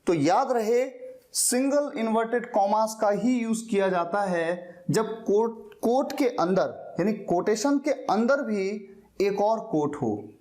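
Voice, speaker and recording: This male teacher has a high-pitched, expressive, slightly mellow voice. He lectures patiently, going step by step, and repeats words slowly so the class can copy the pronunciation.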